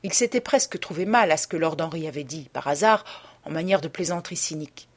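A woman reads a classic novel aloud in a measured, storytelling manner. Her voice is somewhat low and slightly husky. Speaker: audiobook narrator. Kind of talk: literary audiobook narration.

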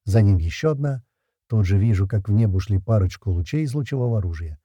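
A man's voice: fairly low pitch, expressive, fast, warm tone, no echo, muffled recording. A man narrating a first-person audiobook in a tense, gritty storytelling manner.

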